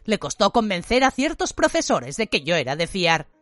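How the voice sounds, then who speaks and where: Lupin: a woman voicing a weary, gentle male teacher. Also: mid-range voice, very animated, no echo, faint music behind. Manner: slow, measured and hushed. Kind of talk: audiobook character reading.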